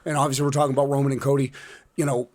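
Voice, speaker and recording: A man with a raspy smoker's voice co-hosting a casual wrestling podcast, rambling and correcting himself as he goes. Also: mid-range voice, little pitch movement, very fast, crowd noise. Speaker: podcast co-host.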